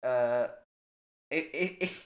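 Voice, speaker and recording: A man's voice: medium pitch, takes it slowly. A British man co-hosting a podcast with casual comedic banter and sweary, mock-indignant joking. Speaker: podcast co-host.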